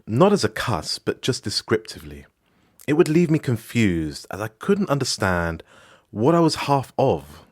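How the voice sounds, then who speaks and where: At a measured pace, a podcast host from Morocco narrates a scripted documentary, telling the story in an emphatic, personal way. His medium-pitched voice rises and falls dramatically.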